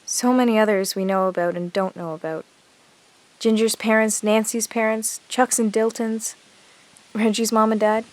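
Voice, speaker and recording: With music playing beneath her, an actress voices an earnest teen girl reading her diary in a zombie audio drama, grieving and reflective as she confides. Her voice is a little high and slightly mellow, steady and moderately paced, close to an everyday voice, though the recording is low quality.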